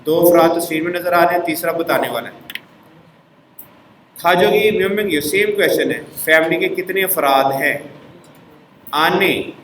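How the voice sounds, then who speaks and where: A man leads a classroom language lesson, going step by step and asking his students to repeat words back. His voice sits a little high for a man. The room is echoey, with a faint hum of background noise. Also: moderate pace, long pauses, a bit bright. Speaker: Korean language teacher.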